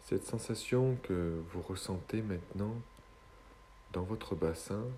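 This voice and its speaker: A male hypnotist leads a guided relaxation in a deep, soft-toned voice. He speaks very slowly and soothingly, leaving long pauses between short phrases. A faint noise sits behind the voice.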